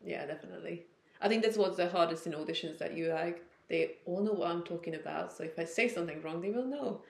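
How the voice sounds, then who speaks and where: A woman co-hosting a podcast about yoga teaching, talking casually in a halting way that repeats words. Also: lowish voice, creaky. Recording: roomy echoey recording, off mic.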